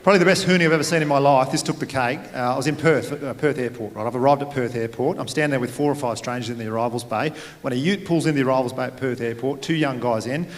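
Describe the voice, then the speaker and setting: A man's voice: mid-range voice, fast talker. A young Australian man performing a stand-up comedy set, telling a story in a laid-back way with crude asides, on stage at a comedy venue. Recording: live room with long reverb, faint ambience.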